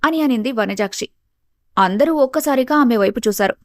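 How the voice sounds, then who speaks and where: A woman storyteller reading a scripted family story in a steady, even way. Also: on the high side, brisk, no room sound, studio quality.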